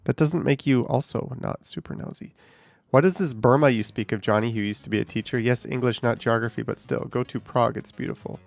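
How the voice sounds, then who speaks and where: A man's voice: mid-range voice, fairly quick, creaky. A man in his thirties casually reading out and answering viewer comments on a live stream, with dry asides.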